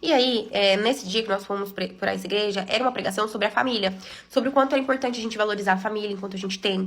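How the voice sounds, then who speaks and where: A young woman from Brazil telling a personal story to her viewers in a chatty, animated way, with laughing asides. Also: medium pitch.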